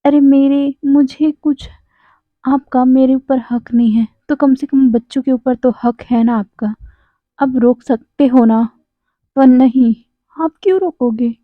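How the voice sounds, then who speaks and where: A woman's voice: high voice, fairly even intonation, unhurried, dry recording. A woman voicing a hurt young husband who pleads and accuses in turn. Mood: reproachful. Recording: dry, tinny phone-like sound.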